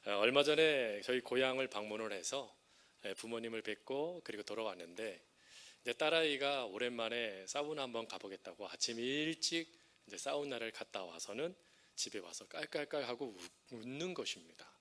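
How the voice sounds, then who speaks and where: A man's voice: mid-range voice, lively intonation, moderate pace, a bit bright. A middle-aged man from the Chungcheong region of South Korea, a senior pastor preaching a sermon with humorous stories and questions put to the congregation.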